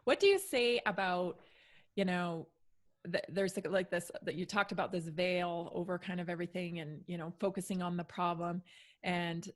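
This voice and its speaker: A woman's voice: fairly low pitch, fairly even intonation, moderate pace. Chatty woman hosting a podcast. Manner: encouraging, frequent affirmations, chatty. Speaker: podcast host. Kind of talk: casual interview conversation.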